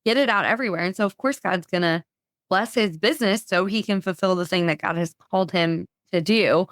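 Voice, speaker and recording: A woman guest on a podcast, telling a lively faith story and acting out her own past thoughts in quotes. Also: lowish voice, fairly quick, no room sound, studio quality.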